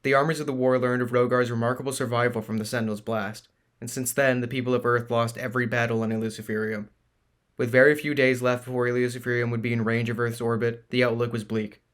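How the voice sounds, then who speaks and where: A man reads a science-fantasy novel aloud as the narrator, in a steady, plain voice at a middle pitch. His delivery is even and unhurried, like an audiobook chapter.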